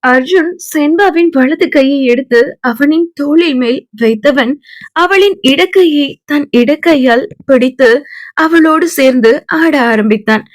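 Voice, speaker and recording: A woman narrating a romance audiobook in a calm, even storyteller's manner. Her voice is high and clear. The recording is close and dry with no room sound. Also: measured pace, dry recording. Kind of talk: scripted narration.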